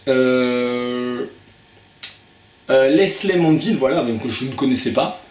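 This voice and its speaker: A man of middle pitch talks through his film picks in a loose, unscripted way, stumbling over words and padding with fillers as he goes. His voice carries a noticeable echo from the room around him. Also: slow, a little mellow. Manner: hesitant, many fillers and restarts. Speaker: film reviewer. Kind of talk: casual video review.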